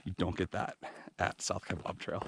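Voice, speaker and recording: A man vlogging while hiking a remote canyon trail, talking in a relaxed, rambling, half-whispered way. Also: deep voice, moderate pace, noisy background. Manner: relaxed, rambling, lots of fillers. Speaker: trail runner vlogging a hike. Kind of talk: casual outdoor vlog narration.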